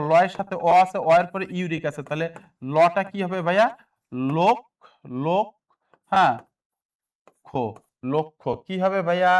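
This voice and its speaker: High-voiced man teaching from a distance. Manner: repeats answers, quizzes listeners often. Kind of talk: exam prep lesson.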